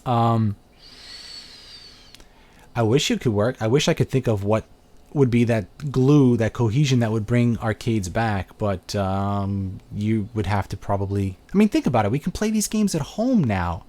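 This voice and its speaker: The Brooklyn-born host, a middle-aged man with a New York accent, has a lowish, dark voice, lively intonation and a measured pace. Answering viewer questions in a casual webcam chat, he rambles chattily and thinks out loud with fillers.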